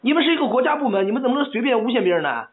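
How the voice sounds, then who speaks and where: Over a tinny phone line, a man complains angrily in a heated argument, stammering and insistently repeating his points over and over. His extremely high, slightly rough voice is very animated and rapid-fire.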